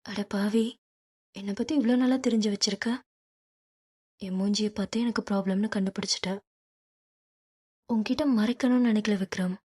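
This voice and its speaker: A woman's voice: medium pitch, steady tone, normal speed, pauses often, slightly rough, close to an everyday voice. A woman voicing a proud, indignant young woman. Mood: light, relieved. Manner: indignant, sharp, wounded. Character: proud young woman, fiercely self-respecting. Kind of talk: audiobook character reading.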